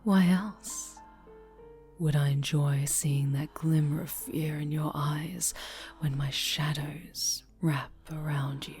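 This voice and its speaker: A woman voicing a fallen hero turned possessive villain, speaking in a soft, breathy, menacing whisper in an audio roleplay. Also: low-pitched. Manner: taunting, cloying, menacing.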